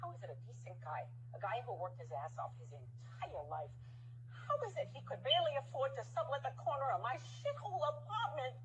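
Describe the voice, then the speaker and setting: An actress playing a brash, foul-mouthed female talent manager who rants in a gruff way. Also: high-pitched, big pitch swings, a little fast. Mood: grieving rant. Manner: gruff, profane, ranting. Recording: dull clip audio, faint hum.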